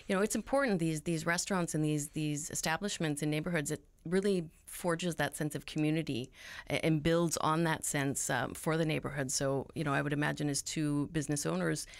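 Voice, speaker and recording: A woman's voice: deep voice, fairly even intonation, a little fast, creaky, dry recording. A middle-aged woman hosting a radio interview in a studio, asking questions in a chatty way with many "you know"s. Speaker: radio show host. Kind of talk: interviewing guests. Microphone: studio mic on boom arm.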